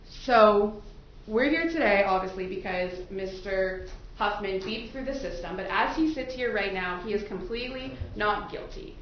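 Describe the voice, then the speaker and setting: Barely pausing, this defense attorney talks at normal speed in a mid-range voice as she questions prospective jurors into a courtroom microphone. She's conversational and informal, explaining as she goes, amid echoey, muffled, noisy audio.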